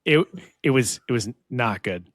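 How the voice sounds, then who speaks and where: A man's voice: medium pitch, expressive, a little slow, no room sound. A man co-hosting a podcast in casual conversation, telling stories in a laughing, self-deprecating way. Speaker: podcast co-host. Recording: dry close sound.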